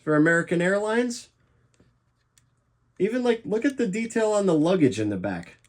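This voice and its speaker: A man's voice: high-pitched, big pitch swings, moderate pace. A man talking casually in a vlog, showing off collectible model trains with chatty enthusiasm. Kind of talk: casual show-and-tell vlog.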